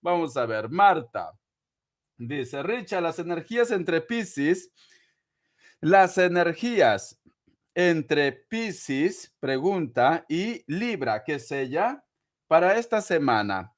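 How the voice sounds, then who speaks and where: A man's voice: a little high, big pitch swings, slow. A man in his forties, a tarot reader on a live stream, reading out viewer donations in a theatrical, gushing way and calling them sweetheart. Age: 40s.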